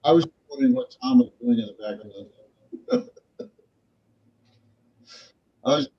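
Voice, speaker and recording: A man joining over a video call, his audio stuttering and echoing back on itself through a dull, muffled line. His voice is gravelly and husky, and his pitch swings about a lot. He speaks haltingly, restarting his sentences. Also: wildly swooping pitch. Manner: hesitant, repeats himself. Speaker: webinar participant. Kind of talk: casual chat.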